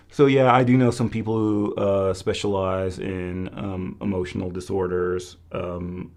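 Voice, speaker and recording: A man hosting a casual live question-and-answer session, thinking aloud and qualifying what he says. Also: sits low. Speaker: host of a Chinese medicine Q&A.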